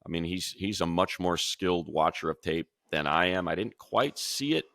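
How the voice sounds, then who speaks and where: This low-pitched male radio analyst speaks at normal speed with lively intonation and a fairly bright tone. The studio recording is clean and free of echo. He muses conversationally through football draft picks, casual and full of opinions.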